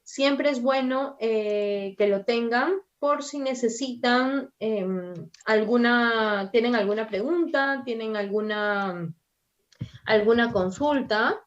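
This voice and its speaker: A woman's voice: on the high side, slow. A woman with a Peruvian Spanish accent, an employability coordinator giving a webinar to students, who keeps checking in with "¿sí?" and "¿ok?". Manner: checks in with frequent "¿sí?" and "¿ok?". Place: home or office, recorded over a video call. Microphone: computer or headset mic on a video call. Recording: dull lo-fi webinar audio.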